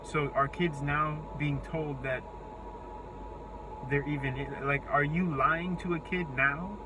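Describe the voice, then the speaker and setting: Halting young man with a thin, squeaky voice. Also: steady tone, noisy background. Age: 20s. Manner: halting, searching for words, rambling. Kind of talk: unscripted monologue to camera.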